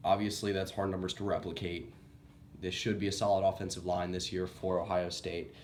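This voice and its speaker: A man's voice: low-pitched, little pitch movement, a little fast, slight background noise. A young man who is sick, giving a casual, rambling college football team preview on his channel and correcting himself as he goes. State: sick, coughing. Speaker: sports YouTuber.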